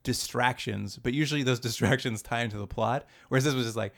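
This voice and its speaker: A man's voice: medium pitch, fast talker, creaky. A man hosting a casual podcast chat about an old movie, laughing often between his points. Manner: laughs often, mimics characters in quotes. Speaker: podcast host.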